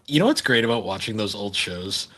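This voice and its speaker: A man's voice: lowish voice, lively intonation, brisk, bright, forceful tone. A man co-hosting a podcast in casual chat, wry and blunt. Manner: wry, blunt, laughs at his own jokes. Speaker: podcast co-host.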